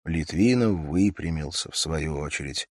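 A man narrating a classic novel as an audiobook, in a measured, expressive way. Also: rumbling low, dry recording, studio quality. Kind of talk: scripted literary narration.

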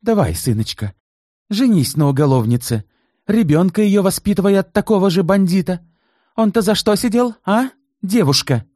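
A man putting on a shrill, spiteful old mother. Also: expressive, normal speed, dark tone, no echo, clean studio sound. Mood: scornful shrill. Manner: shrill, scornful, nagging.

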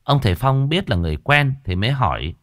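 A man narrating a ghost story in a measured, dramatic manner. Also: medium pitch, big pitch swings, no echo, studio quality.

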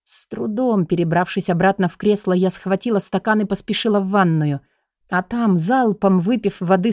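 A woman calmly narrating a story in the first person. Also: mid-range voice, dry recording, studio quality. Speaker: audiobook narrator.

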